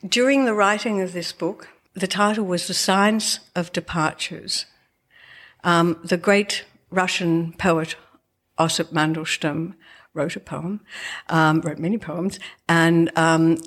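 A woman with slushy, sh-like s sounds, speaking as a novelist in a conversational, reflective and digressive talk to an audience about her book. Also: lowish voice.

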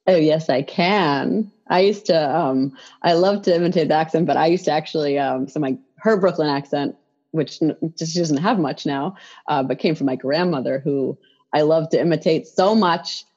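A woman with a low, husky voice talks through an interview in a loose, rambling way, full of fillers and restarts. The recording is dull and lo-fi. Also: normal speed, a little mellow. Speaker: children's picture book writer, guest. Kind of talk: casual interview conversation.

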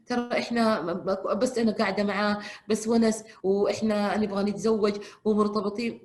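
A woman's voice: mid-range voice, steady tone, fairly quick, darkish tone, pitched above the performer's own voice, close to an everyday voice. A woman playing a bold young woman. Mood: insistent. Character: bold young woman pleading her case.

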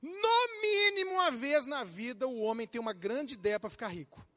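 A man with a Brazilian accent preaching a sermon as a pastor, talking straight to his listeners with questions and acting out little scenes with sudden shouts. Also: extremely high pitch, moderate pace. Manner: animated, acts out quotes and bursts into shouts; addresses listeners directly with questions.

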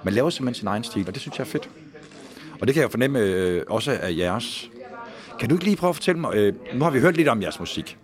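A Danish man co-hosting an interview, chatting in a relaxed way. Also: medium pitch. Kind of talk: casual interview chat.

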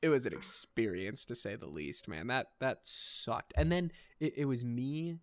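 A man's voice: medium pitch, unhurried, no room sound. Young guy in his 20s, podcast chat, lots of "like" and "dude", dry close sound. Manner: animated, laughs often, says "like" and "dude" a lot. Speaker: podcast host. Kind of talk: casual chat.

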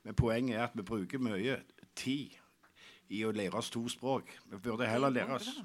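Blunt, emphatic male politician. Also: medium pitch. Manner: blunt, emphatic, stumbles over words. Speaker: local politician. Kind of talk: panel debate.

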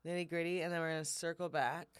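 A woman interviewing casually, with informal, agreeable interjections and quick questions. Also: lowish voice, flat delivery, clean tone, no room sound, clean studio sound.

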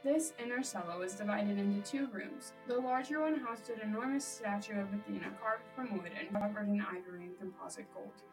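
A woman's voice: medium pitch, brisk, few pauses. Woman reading a school presentation. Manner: steady, reads out facts. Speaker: class presenter. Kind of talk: read-aloud school presentation. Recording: distant mic with music behind.

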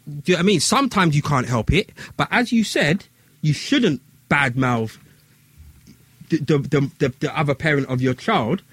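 A man's voice: fairly high pitch, expressive, normal speed, fairly bright tone, husky, no room sound. A man with an urban London street accent telling a story in casual, slang-heavy talk, repeating phrases for emphasis.

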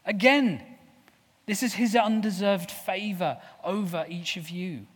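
Male preacher, slightly high voice, fervent delivery with loud and soft swings, long hall reverb. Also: unhurried. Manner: passionate, swings from loud declarations to soft low asides. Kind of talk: sermon.

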